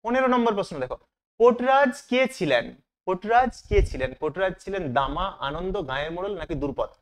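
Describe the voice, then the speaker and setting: A male teacher going through a test paper in an online lesson, asking the students questions and then answering them himself. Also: high voice. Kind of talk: online exam-prep lesson.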